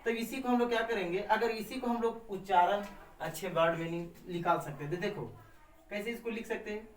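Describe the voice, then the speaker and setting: Teacher in an echoey room. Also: male voice, high-pitched, a little fast. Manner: repetitive, asks and answers his own questions with frequent "है ना". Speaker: teacher running his own channel. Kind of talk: grammar lesson to camera. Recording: echoey room, far from the mic.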